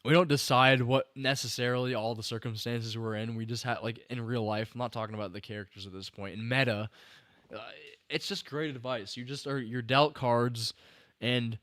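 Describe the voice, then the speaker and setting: On a livestream, a young man offers casual, enthusiastic film commentary, rambling, restarting sentences and talking to chat viewers. He's slightly tired, and his mid-range voice is steady, fairly bright and moderately paced, captured in a dry recording.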